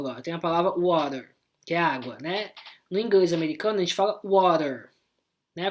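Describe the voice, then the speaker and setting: Brazilian woman teacher, lowish voice, chatty explainer who keeps checking in with the class. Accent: Brazilian Portuguese. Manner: chatty, explanatory, constant "né?" and "tá?" tags. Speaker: English teacher. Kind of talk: online lesson.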